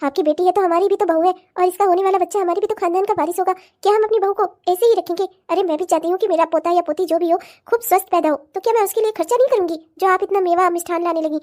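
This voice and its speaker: A woman voicing a proud, bossy middle-aged mother-in-law who talks briskly and insistently. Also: very high-pitched, darkish tone.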